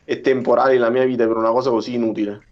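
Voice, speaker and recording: A man's voice: mid-range voice, level tone, rapid-fire. Wry man chatting over a dull connection. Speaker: podcast panelist. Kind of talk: casual chat. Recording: dull lo-fi voice call.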